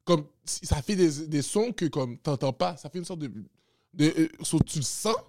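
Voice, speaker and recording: A young man, telling animated comic stories in casual chat and mixing in English slang. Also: a little high, moderate pace. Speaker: podcast guest.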